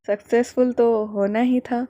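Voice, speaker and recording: A woman's voice: fairly high pitch, little pitch movement, a little slow, dark tone, no room sound, highs cut off, close to an everyday voice. A stern army general, as a woman storyteller puts him on. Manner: commanding, firm.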